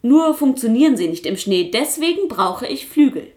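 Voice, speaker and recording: A woman voicing a talkative, boastful little male Kasper puppet in a storybook reading, chattering excitedly and insisting on getting his way. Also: fairly high pitch, normal speed, pitched above the performer's own voice. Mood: insistent.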